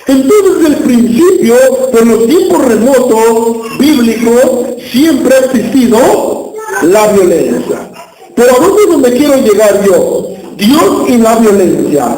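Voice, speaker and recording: Guy preaching in church, high mellow voice, lots of echo, keeps asking the crowd questions. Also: very animated, takes it slowly. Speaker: pastor. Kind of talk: sermon. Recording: echoey church hall.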